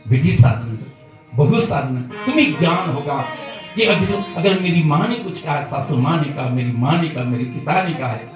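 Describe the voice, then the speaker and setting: A man's voice: on the high side, animated, normal speed. A man giving a devotional scripture sermon who exhorts his listeners with a string of rhetorical questions. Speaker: katha preacher. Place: religious gathering in Uttarakhand. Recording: distant mic, echoey hall, music behind.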